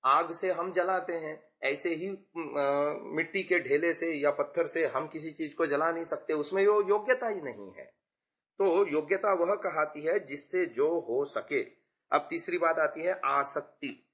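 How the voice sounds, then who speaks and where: Slow-speaking man explaining scripture. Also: on the high side, fairly bright tone. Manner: patient, explains with everyday examples. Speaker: religious teacher. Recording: dull lo-fi recording.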